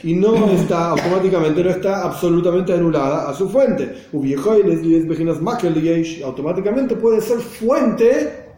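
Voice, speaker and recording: Argentine man, teacher, explains hebrew texts in class, high voice, mellow tone, echoey room. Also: moderate pace. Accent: Argentine Spanish. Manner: reads Hebrew phrases then explains them, checks on the students.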